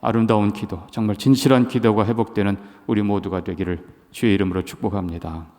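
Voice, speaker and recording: A man preaching a sermon as a pastor, swinging from loud proclamation to hushed prayer. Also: fairly low pitch, fairly even intonation, fast talker. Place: church sanctuary. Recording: long church reverb.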